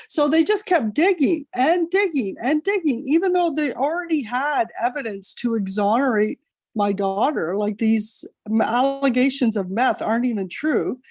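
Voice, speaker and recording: A middle-aged woman whose first language is Italian tells her story as an interview guest, her voice sitting fairly high. She talks in an earnest rush, often breaking off and restarting. The sound is dry and close. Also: darkish tone, no room sound. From Canada. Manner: earnest, rushed retelling with many restarts. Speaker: guest, author. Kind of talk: interview over a call.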